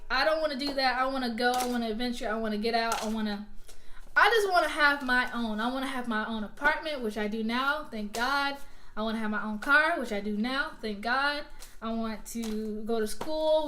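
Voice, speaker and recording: A chatty young woman from Alabama, talking with a fairly high voice. She rambles through a casual vlog straight to her viewers, with a faint hiss behind her. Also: bright, forceful tone. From Alabama, US South. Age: young adult. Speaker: vlogger.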